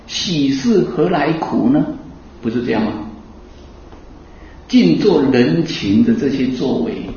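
A man giving a Buddhist dharma talk to an audience, asking them lively rhetorical questions and laughing in between. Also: mid-range voice, slow pace, slight background noise. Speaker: Buddhist teacher. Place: hall with an audience. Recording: echoey hall, distant mic, dull sound.

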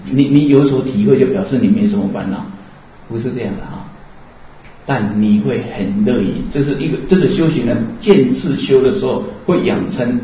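A man's voice: medium pitch, dark tone, a little hiss or hum. A man giving a Buddhist Dharma lecture, explaining earnestly and asking rhetorical questions along the way. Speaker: Buddhist teacher. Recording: distant, dull, roomy lecture recording.

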